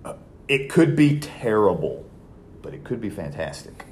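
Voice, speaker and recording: A young man with a lowish voice hosts a podcast in relaxed, chatty talk. He speaks with frequent fillers and restarts. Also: normal speed, a little hiss or hum. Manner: conversational, lots of fillers and restarts. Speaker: podcast host.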